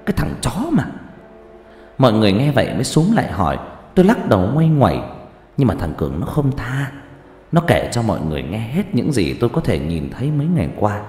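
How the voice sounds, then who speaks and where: A man's voice: medium pitch, darkish tone. A man narrating a first-person horror story expressively. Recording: roomy reverb with music behind.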